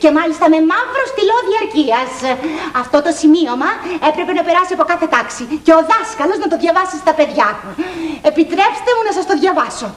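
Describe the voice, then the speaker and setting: A woman playing a flustered, indignant school headmistress in a 1980s children's TV show, with a high, theatrical, exasperated delivery. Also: animated. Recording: roomy old TV recording with faint hiss.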